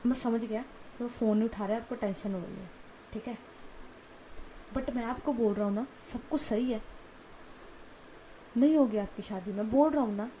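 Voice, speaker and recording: A woman's voice: a little high, normal speed, long pauses, mellow, slight background noise, lightly acted. Woman playing a reassuring young man. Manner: reassuring, then scolding. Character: young man soothing his anxious elder sister figure.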